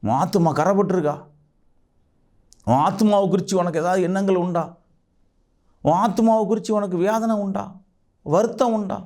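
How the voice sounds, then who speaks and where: A man's voice: high-pitched, moderate pace, long pauses, darkish tone. A male pastor, preaching a fervent sermon full of repeated rhetorical questions. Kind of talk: sermon with prayer.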